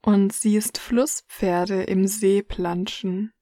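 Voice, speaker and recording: A woman reading a guided relaxation story in the second person, soft and hushed. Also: mid-range voice, steady tone, drawn-out words, dry recording, studio quality.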